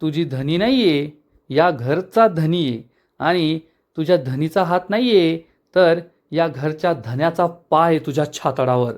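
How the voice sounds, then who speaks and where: A man's voice: fairly high pitch, a little slow, close to an everyday voice. A man reading out a proud head of household from a TV serial, delivering lines in a swaggering, dramatic style. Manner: swaggering, declaiming filmy dialogue.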